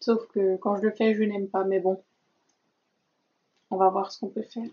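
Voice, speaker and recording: A woman's voice: medium pitch, level tone, moderate pace, muffled recording. A woman vlogger chatting casually through a craft haul, enthusiastic and gushing, with many hesitations and little asides. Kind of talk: casual chatty vlog talk.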